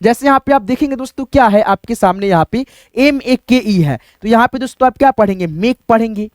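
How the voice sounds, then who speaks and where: A man's voice: very high-pitched, brisk, no echo, studio quality. A man, teaching English spelling and sounds to beginners, repeating himself and answering his own questions. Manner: repetitive, keeps saying "friends", asks and answers himself. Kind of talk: Hindi spelling lesson for beginners.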